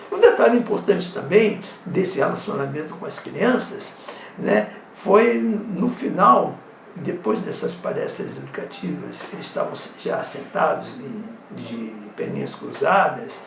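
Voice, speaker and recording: Man, high lively voice, gravelly edges, storytelling chat, echoey room, mic set back. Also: distant mic, a little hiss or hum. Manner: conversational, frequent tag questions. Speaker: psychosomatic therapist and former judo instructor. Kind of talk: casual storytelling monologue.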